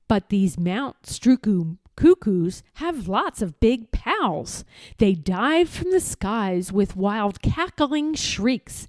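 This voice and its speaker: A woman reads a rhyming children's storybook aloud, expressive and playful, with deliberate, emphatic phrasing. Her voice is fairly high, and there is no room sound.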